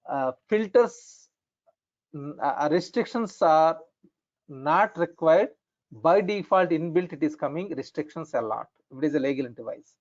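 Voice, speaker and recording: Give me an Indian-accented male instructor with a fairly high voice, explaining haltingly over a lo-fi online call. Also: a little mellow. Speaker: instructor in functional finance consulting. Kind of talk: explanatory online lesson, checking in with learners. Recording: dull, lo-fi online call audio.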